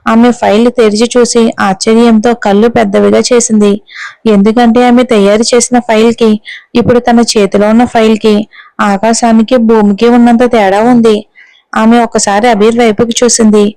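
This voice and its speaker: Smooth-voiced woman narrating a story. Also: on the high side, brisk, dry recording, rough recording. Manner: steady storytelling. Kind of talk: scripted narration.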